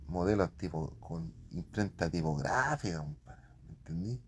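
A man's voice: deep voice, animated, moderate pace, slight background noise. A man with a Chilean accent rambling casually about print shop work, full of slang and spoken sound effects.

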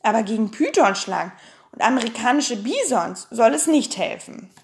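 Brief: hoarse cheeky girl adventurer for a storybook, read by a woman, high, bouncy, playful. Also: expressive, moderate pace. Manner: boastful, playful. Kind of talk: audiobook reading.

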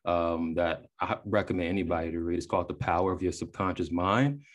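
A low-pitched man hosting a podcast. He talks emphatically and swears freely, speaking straight to his listeners as guys. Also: fairly quick. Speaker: podcast host. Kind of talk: casual interview talk.

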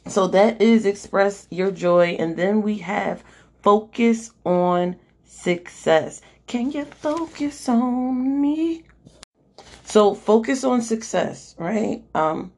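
Her voice hoarse and fading, a podcast host with a fairly low, slightly mellow pitch reads oracle cards on a live stream. She reads the card texts aloud in a relaxed, slangy, chatty way, swearing and checking in again and again with "okay?"

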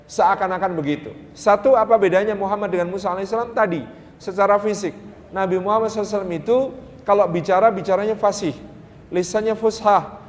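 High-voiced lively preacher. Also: male voice, quick pace, long reverb tail. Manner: lively, playful, mimics dialects, casual Javanese asides. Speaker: Islamic preacher. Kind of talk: sermon.

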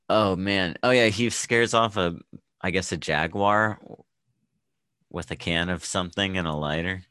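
A man's voice: low voice, takes it slowly, long pauses, pushed and bright, smooth, no room sound. A man co-hosting a podcast, talking in a laid-back way full of fillers and trailing thoughts. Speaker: podcast co-host. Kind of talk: casual chat.

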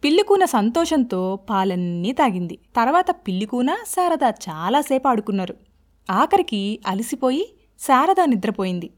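A woman host telling a children's story in a lively, expressive singsong way. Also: on the high side, normal speed.

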